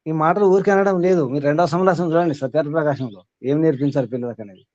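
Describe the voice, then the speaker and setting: A man's voice: a little high, very fast, a little mellow, no echo, lo-fi sound. A man acting as spiritual teacher, giving a sermon to a small group, questioning his listeners and reeling off long lists.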